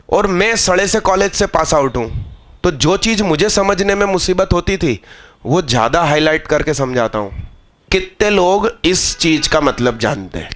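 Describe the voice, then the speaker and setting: A man's voice: high-pitched, a bit bright. A male math teacher giving a live exam-prep lecture, explaining step by step and scolding students into understanding.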